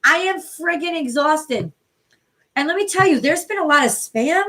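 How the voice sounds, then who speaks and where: This tarot card reader from the New York City area, a woman with a hoarse, high voice, hosts a casual livestream chat. She's animated and chatty, swearing and greeting viewers by name, speaking at a moderate pace in a sharp tone.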